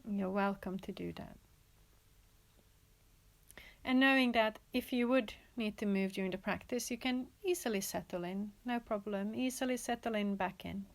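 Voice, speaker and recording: In a soothing, gentle manner, a woman with a mid-range voice teaches yoga nidra, walking listeners through a guided relaxation meditation. Her delivery includes pauses and inviting phrases that recur.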